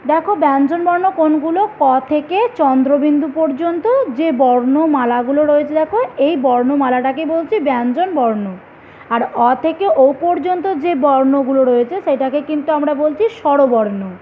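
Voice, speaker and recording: High-voiced woman teaching children over tinny audio. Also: moderate pace. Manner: patient, explaining step by step with repeated examples and questions to students. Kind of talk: online Bengali grammar lesson for young children. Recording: tinny phone-like audio with faint hiss.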